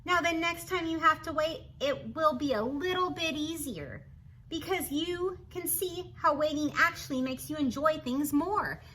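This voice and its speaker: A little slowly, a woman reads from a children's storybook in a high, bright voice, with some light background noise. She sounds expressive, like a teacher, frequently pausing the story to offer encouragement and ask questions.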